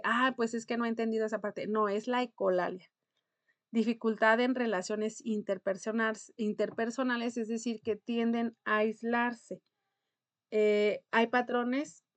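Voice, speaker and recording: A woman's voice: a little high, no room sound. Woman lecturing in a dry, close recording. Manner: conversational, explains with examples and rhetorical questions. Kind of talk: informal class lecture.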